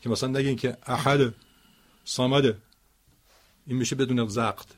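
A man teaching Quran recitation, explaining word stress with spoken examples in a slow, deliberate way. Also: mid-range voice, steady tone.

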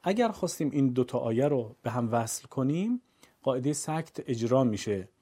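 A man teaching a Quran recitation lesson, calmly explaining the rules and then chanting the verses slowly and melodically. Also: medium pitch, slightly rough. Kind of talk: tajweed lesson.

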